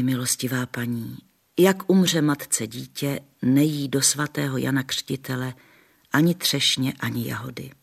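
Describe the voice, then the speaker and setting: A kindly old village grandmother, read by a man, spinning folk tales for the little ones in a homely, unhurried way. The voice is gravelly and a bit husky, sitting at a middling pitch. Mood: respectful. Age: older. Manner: homely, patient storytelling with folksy sayings.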